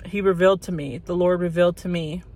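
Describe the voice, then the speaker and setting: Female vlogger, earnest testimony, congested sore-throat sound slightly muffled by a lozenge, flat intonation. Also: lowish voice, quick pace. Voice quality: slightly muffled by a cough drop in the mouth. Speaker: channel host.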